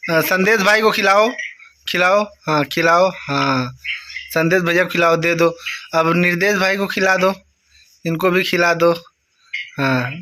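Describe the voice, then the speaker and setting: A man with an eastern Uttar Pradesh Bhojpuri accent hosting a casual family vlog, loud and teasing. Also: on the high side, a little hiss or hum. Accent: Bhojpuri-speaking eastern Uttar Pradesh. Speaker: vlog host.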